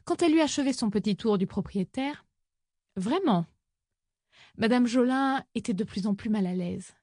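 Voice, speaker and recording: A woman narrating an audiobook story in an even, measured reading on a close microphone. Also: a little high, dry recording.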